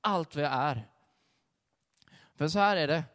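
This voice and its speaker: A young man giving a sermon with a personal testimony, telling his story in a conversational, animated way. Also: a little high. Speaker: preacher. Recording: long hall reverb.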